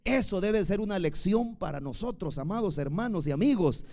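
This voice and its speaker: Un predicador de voz aguda y muy expresiva que sube y baja el tono con gran movimiento. Alterna proclamaciones fuertes con comentarios casi en voz baja, en un sermón apasionado. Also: male voice, high-pitched, animated, normal speed. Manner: emphatic, swings between loud declarations and soft asides. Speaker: preacher. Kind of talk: sermon.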